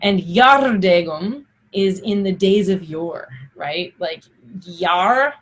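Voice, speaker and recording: A husky-voiced woman teaching Old English pronunciation, reciting the old words and explaining them informally one by one. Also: fairly low pitch, animated, slow pace, a little hiss or hum.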